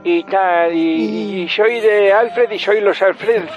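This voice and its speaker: Fulgencio is a talkative older caller who drifts from cheerful chatter into fussy grumbling, as a man acts him out. His voice rides a little high for a man. A radio comedy sketch, with music playing steadily under him. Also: slow, lo-fi sound. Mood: rambling. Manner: rambling, fussy complaints. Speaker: regular phone-in caller.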